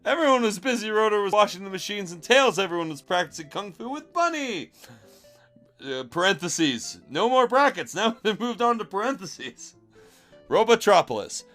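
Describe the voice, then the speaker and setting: His voice is high and a bit bright, swinging widely in pitch at normal speed. He is reading fan fiction aloud on a casual stream in a theatrical, mocking style, full of giggles and asides, with music underneath.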